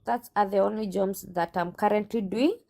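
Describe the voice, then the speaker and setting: A woman's voice: medium pitch, normal speed, creaky, dark tone. A Kenyan woman who runs a recruitment agency, answering interview questions and arguing her case firmly. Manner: assertive, argues her case. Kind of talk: interview guest.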